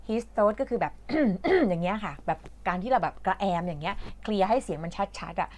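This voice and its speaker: A woman's voice: mid-range voice, fast talker. A woman from Thailand who teaches English, patiently explaining a reading lesson in a chatty way with lots of fillers.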